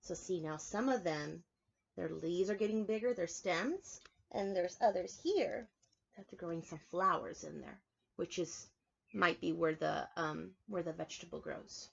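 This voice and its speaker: In a muffled recording, a woman with a lowish, creaky voice takes her time reading a picture book to little kids. As a preschool teacher, she keeps her phrasing simple, explains the story, and questions the children as she goes.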